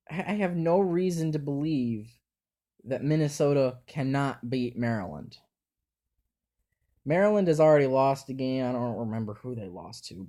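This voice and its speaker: A man with a mellow, darker tone at an ordinary middle pitch, talking through his football picks in a casual, unscripted way. He thinks aloud as he goes, hesitating, repeating words and restarting his sentences. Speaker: sports predictions host.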